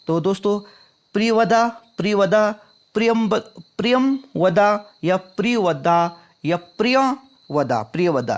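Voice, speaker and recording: Man going through exam questions, higher-pitched. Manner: drills answers by repeating them back as questions; addresses viewers as friends. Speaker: exam prep teacher. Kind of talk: explaining quiz answers.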